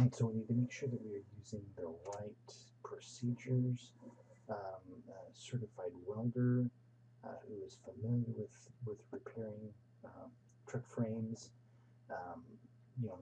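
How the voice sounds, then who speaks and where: A man with a very low voice talks through a lecture over slides, stopping often with fillers as he teaches. He sits back from the microphone, and a steady hum runs under his voice. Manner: halting, with many fillers. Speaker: instructor. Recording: distant mic with steady hum.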